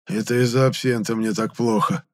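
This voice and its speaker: A man voicing a sick, hungover male ghost stuck in a human body, croaking and moaning. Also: on the low side, fairly even intonation, a little fast, pitched above the performer's own voice, lightly acted. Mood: plaintive.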